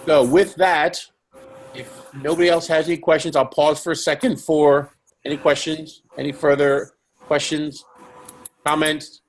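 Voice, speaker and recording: A man's voice: on the high side, level tone, measured pace, slight background noise. A man hosting a live online webinar, talking casually with many fillers and restarts. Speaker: webinar host.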